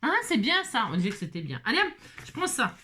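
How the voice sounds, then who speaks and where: A woman's voice: fairly high pitch, big pitch swings, fast, bright, forceful tone. A woman casually narrating a papercraft tutorial, playful and teasing as she chats straight to her viewers. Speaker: papercraft vlogger.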